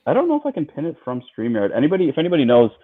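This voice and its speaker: A man co-hosting a casual livestream, talking in a relaxed, chatty way with many fillers and repeats. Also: a little high, very fast. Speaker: livestream co-host. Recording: tinny phone-like line.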